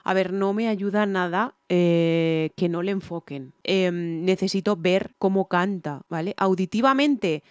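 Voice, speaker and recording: A woman's voice: lowish voice, unhurried, hardly any pauses, clean tone. Emphatic woman. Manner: repetitive, emphatic, repeats phrases for stress. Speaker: singer reviewing songs. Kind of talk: casual reaction and vocal analysis. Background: faint music from the reacted song.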